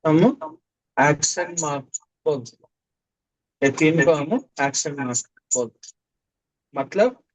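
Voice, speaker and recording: A man's voice: fairly high pitch, dull audio. A man teaching a Greek class in a classroom, explaining step by step and repeating the key words. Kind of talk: classroom lecture. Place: classroom with a board.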